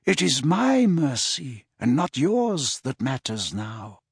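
A man puts on the voice of a gentle old wizard headmaster, unhurried and politely wry even when cornered. The tone sits a little higher than the reader's own, with a husky edge and a dry, close sound. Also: no echo, full character voice. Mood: calm. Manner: quiet, measured, courteous. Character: aged calm wizard headmaster, gentle and dignified.

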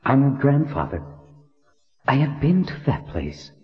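A man's voice: mid-range voice, very animated, measured pace, long reverb tail, muffled recording, soft background music, pitched above the performer's own voice. A man voicing an earnest young woman who presses with urgent, incredulous questions.

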